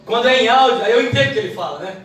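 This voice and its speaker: A woman's voice: on the high side, lively intonation. Woman teaching in an echoey church. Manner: quick, emphatic preaching delivery. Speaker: Bible teacher. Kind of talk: church Bible lesson. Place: church hall. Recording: echoey hall, mic from far off.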